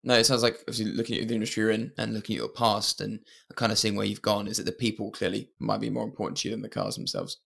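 A man with a low, creaky voice asks questions as an interviewer. His delivery is fast and conversational. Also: fairly bright tone.

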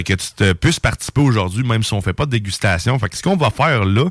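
A man's voice: on the low side, no echo, clean studio sound. A man with a Québécois accent co-hosting a radio show, chatting with enthusiasm in slang and with many restarts. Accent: Québécois French. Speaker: radio co-host. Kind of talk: casual radio chat.

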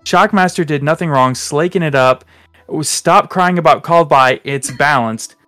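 A man's voice: on the high side, moderate pace, a bit bright, dry recording. A young man hosting a podcast in a casual chat, reading out silly names and laughing through them. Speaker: podcast host.

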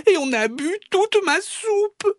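A man voicing a tiny, excitable bear cub in a children's story, crying out in a small squeaky voice. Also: takes it slowly, heavily acted. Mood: shrill, excited.

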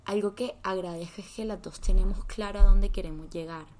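A woman's voice: medium pitch, steady tone, fairly quick, a little mellow. A twenty-year-old woman with a Colombian accent, telling stories in a casual podcast chat, full of slang and swearing. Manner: chatty storytelling with slang and swearing. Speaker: podcast co-host.

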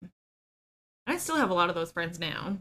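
This podcast guest speaks in a bright, forceful, sing-song voice on the low side, at a normal pace. She is open and self-deprecating as she tells candid stories about her life, laughing easily and often saying "um."

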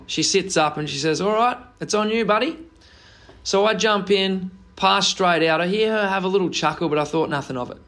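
Male storyteller, high voice, broad Aussie accent, cheeky and full of slang, spinning a casual yarn. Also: fairly bright tone. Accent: broad Australian. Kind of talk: casual anecdote telling.

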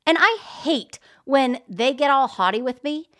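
A woman's voice: high voice, expressive, a little slow. A woman co-hosting a casual podcast, venting her frustration emphatically about rude behavior. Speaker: podcast co-host.

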